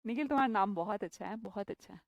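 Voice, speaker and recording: A woman's voice: mid-range voice, fast talker, creaky, dry recording. A woman teaching English vocabulary in a live online class, chatty and playful, teasing her students by name.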